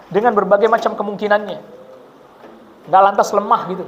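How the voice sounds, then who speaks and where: A male preacher giving a casual religious study talk in a mosque, lively and colloquial, acting out the people he describes. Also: high voice, fairly quick, highs cut off, slight background noise. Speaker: Islamic preacher.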